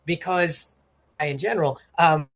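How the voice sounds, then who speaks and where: A man speaking as a webinar panelist over a video call, his audio choppy and cutting in and out, explaining with pauses between phrases. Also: fairly high pitch, fairly bright tone. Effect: choppy connection cutting in and out. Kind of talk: online webinar talk.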